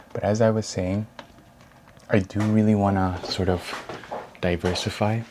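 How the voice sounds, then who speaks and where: A young man chatting softly and casually for an ASMR video at home, rambling and thinking aloud. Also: low-pitched, noisy background. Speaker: ASMR creator. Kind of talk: soft casual ASMR chat. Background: construction and room ambience.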